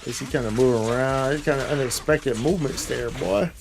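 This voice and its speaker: Game music plays beneath a slightly fast, creaky, medium-pitched male voice as a livestreamer talks through his gameplay. He's loose and slangy, tossing "dude" and "boy" at the game and viewers, against a noisy background.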